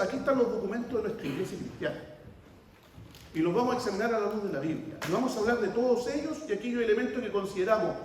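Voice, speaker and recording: A man's voice: high voice, a little mellow. A man preaching a sermon, emphatic and repeating key words, asking rhetorical questions. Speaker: guest pastor. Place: church. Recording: roomy church hall, distant mic.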